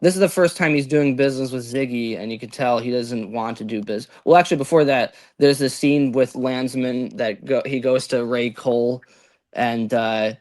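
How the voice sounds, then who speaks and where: A man in the middle of a casual recap podcast, walking through plot points. His delivery is loose and conversational, with the odd swear word. His voice sits at an ordinary pitch for a man. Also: moderate pace, darkish tone. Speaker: podcast co-host. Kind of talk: casual chat.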